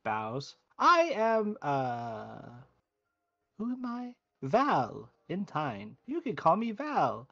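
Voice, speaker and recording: A man's voice: fairly high pitch, wildly swooping pitch, extremely slow, vocal fry, fairly bright tone, no echo, highs cut off, heavily acted. A man playing a scatterbrained, theatrical young man in a tabletop role-play over voice chat. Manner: playful, zany, rambling.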